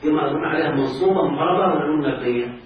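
A slightly high-voiced man talks very fast as he teaches Arabic grammar in an Egyptian accent, constantly asking students if they're following along. It was recorded far from the mic in a very echoey room, leaving the sound dull with a faint hiss.

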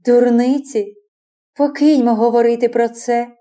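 A woman's voice: a little high, fairly even intonation, a little slow, mellow, natural voice. A woman reading the part of a passionate young woman who turns from imperious to pleading, in an audiobook.

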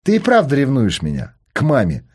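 A man reading a novel aloud, voicing a provocative adult son who needles and shouts at his father. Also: mid-range voice, huge pitch swings, a little fast, slightly rough, voice pushed up. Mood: needling. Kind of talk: audiobook character voice.

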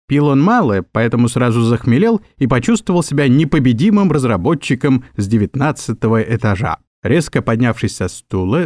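A man narrating an audiobook story in an expressive storytelling manner. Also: mid-range voice, no echo, clean studio sound. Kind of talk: scripted narration.

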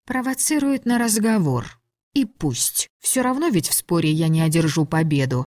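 Narrator: woman, lowish voice, wry first-person audiobook read, dry booth. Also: big pitch swings, normal speed, a little mellow, no echo.

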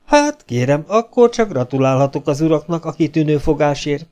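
A man's voice: a little high, animated, darkish tone, pitched above the performer's own voice, lightly acted. A man reading an audiobook, voicing a courteous, formal asylum doctor. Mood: polite. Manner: polite, formal.

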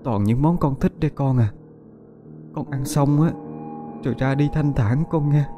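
A man voicing an older grieving mother with a worried, gently coaxing manner. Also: mid-range voice, moderate pace, music in the background, voice pushed up, close to an everyday voice. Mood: tender.

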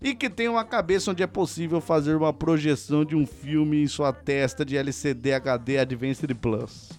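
Man, high voice, Brazilian Portuguese accent, podcast host, loud, teasing, laughing, faint music behind. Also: normal speed. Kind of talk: casual comedy podcast chat.

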